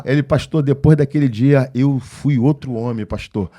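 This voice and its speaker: A man with a Rio de Janeiro accent, a pastor and podcast guest, telling stories in an animated way and acting out the dialogue. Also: mid-range voice, normal speed. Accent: Rio de Janeiro Portuguese. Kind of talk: storytelling in a podcast interview.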